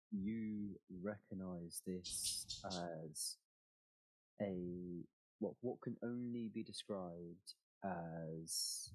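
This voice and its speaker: A man narrating a tabletop fantasy game as game master, with deliberate delivery and dramatic pauses. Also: low voice, darkish tone, poor audio.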